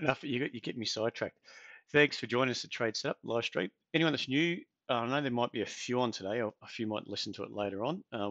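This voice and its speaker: A man's voice: fairly low pitch, fairly bright tone, dry recording. Chatty Australian man, dull lo-fi audio. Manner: chatty, self-deprecating, many fillers. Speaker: trading live-stream host. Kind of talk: casual live-stream chat.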